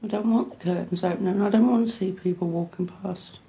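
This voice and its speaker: A woman's voice: medium pitch, steady tone, brisk, mellow. A woman in a candid documentary interview, bluntly retelling a breakup, swearing and acting out what was said. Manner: blunt, swearing, acts out quoted exchanges. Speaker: documentary subject.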